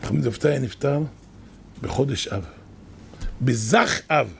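A man's voice: medium pitch, vocal fry, fairly bright tone, a little hiss or hum. A man, a rabbi, giving a sermon, telling stories with rising emphatic bursts.

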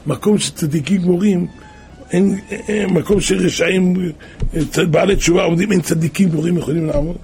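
Gravelly man telling a folksy parable. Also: high voice, faint music behind. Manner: animated folksy storytelling with rhetorical questions. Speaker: religious preacher. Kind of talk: parable storytelling sermon.

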